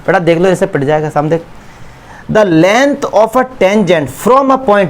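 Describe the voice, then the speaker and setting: A man's voice: high voice, a little mellow, slight background noise. A man with an Indian accent teaching a maths class, chatty and teasing, who keeps checking that his students follow. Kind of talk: classroom lesson explaining geometry.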